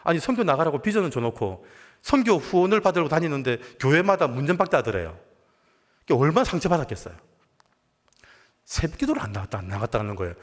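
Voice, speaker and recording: A male pastor preaching a sermon in a conversational storytelling way, often asking the congregation questions. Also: fairly high pitch. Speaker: guest pastor. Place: church sanctuary. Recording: long church reverb.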